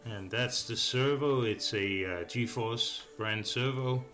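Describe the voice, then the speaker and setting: A hobbyist narrates his build in an unscripted voice-over review, rambling and hesitant as he thinks aloud. His medium-pitched voice is slow and sharp, with background music playing.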